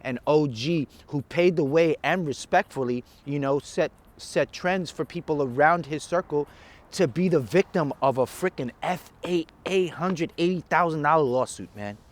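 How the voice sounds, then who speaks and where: A man's voice: a little high, moderate pace. A man co-hosting a casual chat, speaking in a laid-back, slangy, rambling way. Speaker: podcast co-host.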